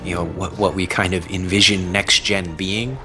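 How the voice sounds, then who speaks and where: A man's voice: deep voice, steady tone, normal speed, over music. A man on a gaming podcast, talking casually and hesitantly with many restarts.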